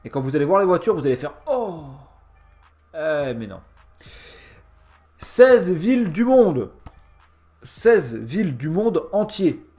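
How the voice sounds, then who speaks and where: High-voiced, lively male gaming host. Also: a little slow, pauses often, soft background music. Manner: mocking, slangy, emphatic. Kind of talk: casual sarcastic game review.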